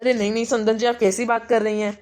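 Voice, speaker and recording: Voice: medium pitch, level tone, fast talker, a little mellow, close to an everyday voice. A performer playing a doting, crafty father in a family skit, soothing his daughter and slyly coaxing her in-laws. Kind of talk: Hindi family skit acting.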